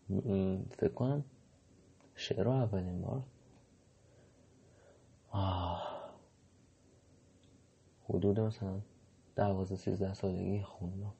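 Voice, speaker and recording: A man's voice: sits low, vocal fry, mellow, husky, dull audio. A man giving a casual, reflective monologue, hesitant and full of fillers. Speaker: monologue host.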